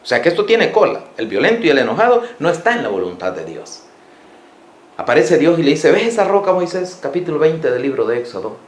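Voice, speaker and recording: Man preaching a Bible study, lively rising and falling pitch, echoey church room. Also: brisk. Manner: animated storytelling, questions to listeners. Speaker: pastor.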